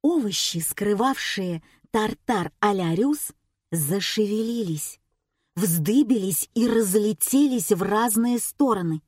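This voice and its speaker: A woman reading a comic novel aloud as narrator, expressive and wry. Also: medium pitch, slow pace, slightly rough, no echo, studio quality. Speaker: audiobook reader. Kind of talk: scripted narration.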